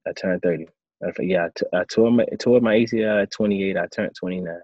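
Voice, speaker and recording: A man in his thirties, a former quarterback turned coach, answering interview questions in a relaxed storytelling way. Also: deep voice, fast talker, no room sound, lo-fi sound. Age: 30s. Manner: relaxed storytelling, acts out his own past thoughts.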